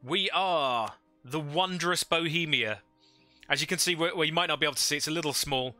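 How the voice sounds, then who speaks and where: Male streamer, headset mic livestream audio, bright forceful tone, fairly high voice, faint music under him, chatty and thinking aloud. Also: brisk. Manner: thinks aloud, chats with viewers. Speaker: livestreamer playing a strategy game. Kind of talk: casual live gameplay commentary.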